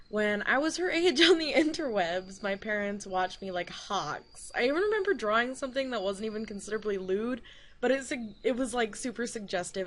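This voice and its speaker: A woman's voice: medium pitch, a little hiss or hum. A young adult woman giving a casual, digressive rant to camera, laughing mid-sentence and swearing now and then. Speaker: YouTuber.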